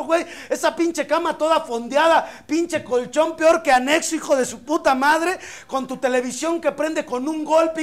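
A man with a Mexican accent giving a blunt, profane, impassioned testimony at a recovery meeting. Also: very high-pitched. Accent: Mexican Spanish. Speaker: AA speaker.

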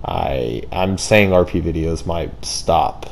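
A man's voice: sits low, expressive, slow, creaky, a little hiss or hum. A young man talking casually and downbeat over gameplay, speaking carefully with a sore jaw from tightened braces. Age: teenager or young adult. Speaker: gaming video creator.

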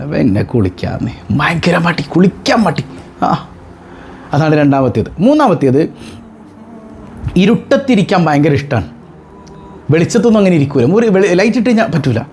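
Man, religious teacher, high voice, animated, rhetorical questions, faint background hiss. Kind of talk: religious talk to followers.

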